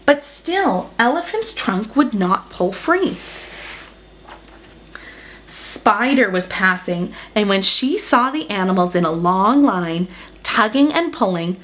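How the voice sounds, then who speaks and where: Reading a children's picture book as a storyteller, a woman uses a mid-range, fairly bright voice, with a little hiss or hum in the recording. Her narration is expressive, with dramatic emphasis on the action words.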